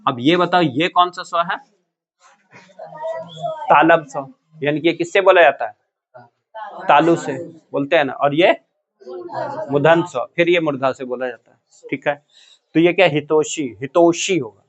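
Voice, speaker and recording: A man's voice: on the high side, measured pace, pauses often, a bit bright. Questioning male teacher, muffled sound. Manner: asks questions and repeats answers. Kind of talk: classroom lesson. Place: classroom. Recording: muffled lo-fi classroom recording.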